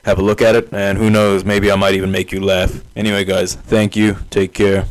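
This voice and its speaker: A man's voice: sits low, little pitch movement, brisk, rough recording. A man hosting a video, giving viewers matter-of-fact advice and commentary.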